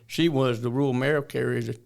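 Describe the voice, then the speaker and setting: A man's voice: medium pitch, steady tone, quick pace, vocal fry. An older man from north Florida with a rural Southern drawl, telling stories in a folksy way as an interview guest. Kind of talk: storytelling interview talk.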